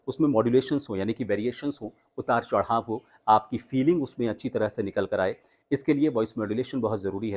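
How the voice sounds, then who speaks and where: A man teaches voice modulation in a spoken tutorial, his voice sitting at an ordinary male pitch. He explains clearly and acts out his own examples, raising, lowering, slowing and quickening his voice as he goes. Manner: demonstrative, shifts pitch and pace to show examples.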